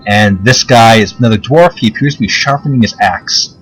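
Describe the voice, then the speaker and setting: A man's voice: lowish voice, brisk, fairly bright tone, slightly rough. A man running a tabletop game as game master, narrating casually in a hesitant, chatty, jokey way. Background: background game music.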